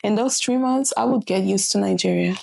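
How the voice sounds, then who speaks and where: Young woman from Italy with a gravelly edge. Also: medium pitch, brisk. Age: young adult. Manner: relaxed, candid, laughs easily. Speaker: podcast guest. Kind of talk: casual interview chat.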